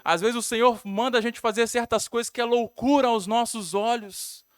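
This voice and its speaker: A man's voice: very high-pitched, steady tone, normal speed, smooth, no room sound, clean studio sound. A male pastor with a Brazilian Portuguese accent, preaching a sermon in a storytelling way, repeating phrases and adding tag questions.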